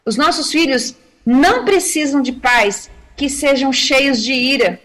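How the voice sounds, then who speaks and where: Woman, missionary, high voice, animated storyteller, TV studio talk. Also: unhurried. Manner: animated storytelling, acting out quotes, laughing. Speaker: missionary giving family advice on TV.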